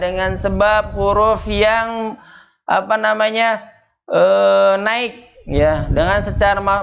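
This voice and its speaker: A man's voice: high voice, clear, resonant tone, muffled recording. A man teaching Quran recitation rules at a home study circle, patiently drilling Arabic letters and quizzing his students.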